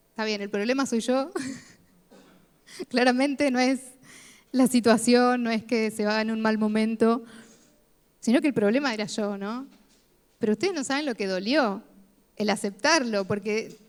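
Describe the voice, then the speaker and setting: A woman with a Rioplatense Spanish accent preaches, telling her own story in an earnest, personal way. Her voice sits fairly high for a woman. A long reverb from the hall trails behind each phrase. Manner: personal, earnest testimony with frequent rhetorical "¿no?". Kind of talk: sermon. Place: church hall.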